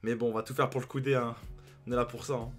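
A young man commentating his own game as a gaming youtuber, thinking aloud and breaking into excited outbursts. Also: mid-range voice, quick pace, faint music behind. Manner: excitable, talks to himself, sudden outbursts.

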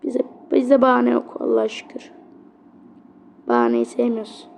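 A high-pitched woman narrating her own football match as she plays. Her voice has a gravelly fry running through it, and she swings from muttering complaints at the game to loud outbursts on big plays, then turns to her viewers with sheepish apologies. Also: moderate pace, a little hiss or hum. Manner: excitable, grumbling at the game, yelling on big plays. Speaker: gamer. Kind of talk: gameplay commentary.

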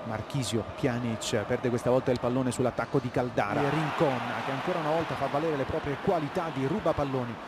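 A man's voice: mid-range voice, fairly even intonation, brisk, hardly any pauses. A man doing live football play-by-play in clipped phrases, naming players as the move unfolds. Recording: loud stadium crowd noise behind. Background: stadium ambience.

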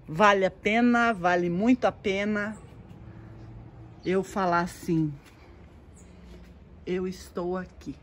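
A woman showing off her orchids in a casual garden vlog, talking at a slow, unhurried pace. She speaks in exclamations, her voice at an ordinary middle pitch. Faint outdoor ambience and animal sounds carry behind her. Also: a little hiss or hum. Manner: slow, exclamatory, keeps repeating "look". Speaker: orchid grower and channel host.

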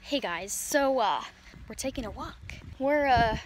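Young woman vlogger, unhurried and higher-voiced, casual and chatty on a handheld camera. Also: animated, background noise. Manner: chatty, upbeat, filler-heavy. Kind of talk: casual vlog chat. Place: outdoors walking, then store aisles.

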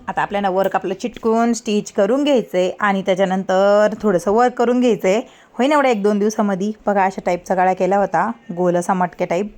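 A woman's voice: mid-range voice, darkish tone. A woman vlogging at home, chatting to the camera about her day in a casual way. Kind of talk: casual home vlog chat.

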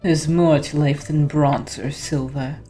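A woman's voice: low voice, fairly even intonation, unhurried, dark tone, soft background music. A woman voicing a prickly, haughty, suspicious young nun with a curt, dismissive manner. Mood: scornful.

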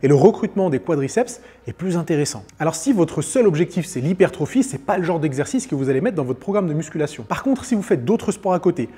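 A male fitness coach talks through exercises at a rapid clip, upbeat and explanatory. His voice sits a bit high for a man, with a dark, mellow color and a slightly husky edge. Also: animated. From France. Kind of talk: fitness tutorial with sponsor read.

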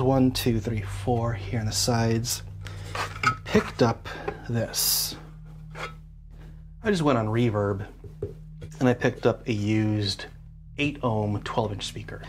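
A DIY amp builder hosting a workshop walkthrough talks in a casual, hands-on way, sounding enthusiastic, geeky, and colloquial. His voice is medium-pitched, with background noise present.

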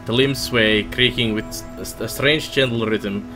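A middle-aged man doing a let's play, reading game text aloud haltingly with casual commentary. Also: on the low side, steady tone, faint music behind. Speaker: gaming let's player.

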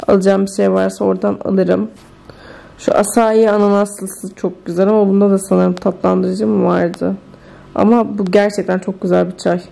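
A woman's voice: medium pitch, flat delivery, moderate pace, creaky, mellow, slight background noise. Chatty woman vlogging from home. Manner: chatty, thinking aloud, easily amused. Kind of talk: casual vlog chat. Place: home kitchen.

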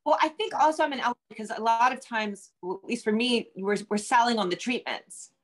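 Speaking fast in a fairly high voice, this middle-aged American woman is a guest novelist on a video call. She talks casually from an indoor room at home, working through her thoughts out loud.

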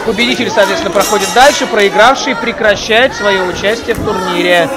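A man giving live play-by-play as a wrestling commentator, breaking from hesitant analysis into excited exclamations. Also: sits high, brisk. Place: indoor wrestling event hall. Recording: noisy live arena, crowd behind. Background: crowd noise.

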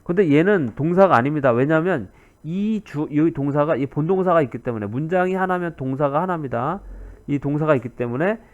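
Male grammar teacher, lively up-and-down delivery, repeats key points, muffled lo-fi recording. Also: fairly high pitch, fairly quick. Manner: animated, repeats key words, asks 그죠 often.

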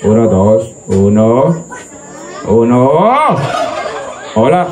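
A man with a Salvadoran accent hosting a casual live stream, joking and counting into a mic for a sound check, his voice ringing with a heavy cathedral-like echo from a loudspeaker. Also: medium pitch, sing-song, very slow, noisy background. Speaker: streamer hosting a subscriber celebration. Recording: loud echo through a speaker, crowd behind.

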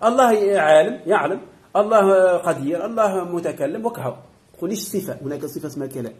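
A man with a Tunisian accent gives a religious doctrine lesson as a sheikh. His voice sits high for a man, and he talks very fast. He explains point by point and keeps asking the class whether they have understood. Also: animated. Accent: Tunisian Arabic.

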